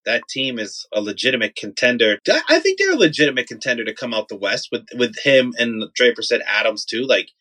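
A man's voice: mid-range voice, big pitch swings, a little fast, hardly any pauses, pushed and bright. A man in a casual sports debate, making his points emphatically and repeating them for emphasis. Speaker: sports podcast panelist.

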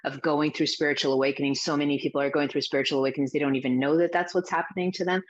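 A middle-aged woman from the Azores talking as an interview guest, reflective and halting with many restarts. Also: low-pitched, fairly even intonation. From Azores, Portugal. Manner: reflective, with frequent restarts and fillers. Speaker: guest, spiritual teacher and coach. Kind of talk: interview answers. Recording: dull lo-fi sound.

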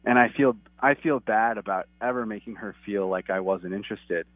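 A man's voice: fairly low pitch, normal speed, no echo. Man on a clipped, tinny phone line. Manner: earnest, rambling, many restarts and fillers. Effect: clipped phone line that cuts out. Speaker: interview guest calling in. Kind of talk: casual phone interview. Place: outside his office.

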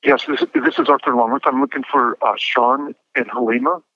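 A man in his fifties speaking as an incarcerated interview guest over a prison phone line, measured and a little hesitant, with small restarts. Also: medium pitch, huge pitch swings, creaky. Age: 50s. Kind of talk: telephone interview. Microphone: prison telephone handset. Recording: muffled phone line, dry.

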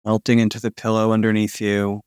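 A man narrating a guided sleep meditation in a slow, soothing manner with long pauses, like a sleep story narrator. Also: lowish voice, monotone, clear, resonant tone, no room sound, clean studio sound. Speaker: podcast host guiding a sleep meditation.

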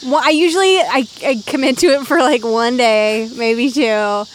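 A woman's voice: fairly high pitch, normal speed. A woman co-hosting a casual podcast outdoors in a backyard, bantering with dry, self-deprecating playfulness over cicadas and frogs. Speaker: podcast co-host. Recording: outdoor recording with clear insect noise. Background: loud chorus of cicadas, some frogs.

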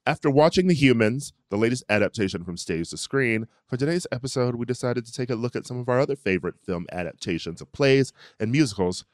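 A man hosting a podcast, reading an intro and chatting in a relaxed way. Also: medium pitch, fast, few pauses, no room sound, studio quality. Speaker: podcast host. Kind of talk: casual chat and scripted intro.

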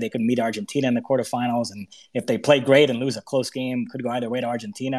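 Fast-talking analytical man on a sports podcast. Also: medium pitch, darkish tone. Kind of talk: casual sports talk on a live audio chat.

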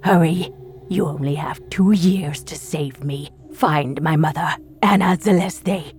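A man's voice: on the high side, darkish tone, faint music behind, pitched above the performer's own voice, natural voice. A man putting on a gurgling ghostly noblewoman. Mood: eerie pleading. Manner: slow, breathy half-whispered pleading. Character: dead young noblewoman ghost, gurgling, pleading and eerie.

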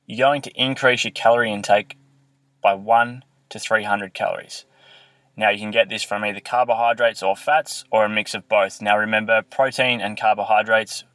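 A man hosting a fitness podcast, explaining and coaching earnestly, recorded with low audio quality on a built-in laptop microphone. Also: a bit bright, no echo. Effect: low quality audio from a built-in laptop mic. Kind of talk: solo podcast, instructional talk.

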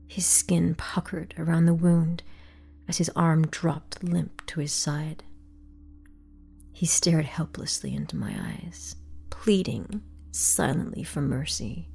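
A woman narrating a first-person horror story in a hushed, breathy whisper. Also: fairly low pitch.

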